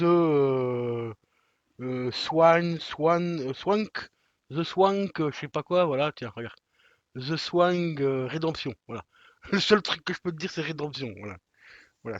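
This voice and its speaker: A man's voice: medium pitch, dry recording. Man, casual unboxing vlogger, loose slangy chatter, dull dry home sound. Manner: chatty, slangy, addresses viewer directly, many fillers. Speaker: collector unboxing a steelbook.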